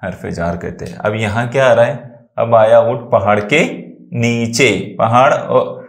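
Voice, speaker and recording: A man's voice: mid-range voice, unhurried. Man, urdu accent, teaching grammar, patient, answers his own questions, echoey room. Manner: patient, asks questions then answers them himself. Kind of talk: exam-prep grammar lesson.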